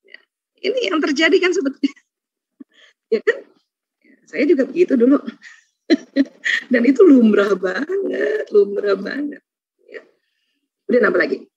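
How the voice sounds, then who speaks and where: A woman giving a lively religious talk, acting out little scenes and laughing often. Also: sits high, measured pace, long pauses, breathy edge, no room sound. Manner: lively, acts out quoted voices, laughs often. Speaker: speaker at an Islamic study program. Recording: dull, dry lo-fi sound.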